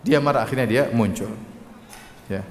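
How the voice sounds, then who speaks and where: A male Islamic preacher with an Indonesian accent giving a religious lecture, slowly reciting Arabic hadith, then explaining them with rising emphasis and frequent checking fillers. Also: medium pitch, a little hiss or hum. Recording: echoey hall with faint ambience.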